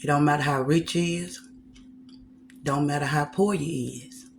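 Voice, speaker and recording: A woman's voice: sits low, fairly even intonation, a little slow, gravelly, slight background noise. A woman vlogger chatting casually while she eats on camera, repeating phrases and slipping in preachy, folksy asides.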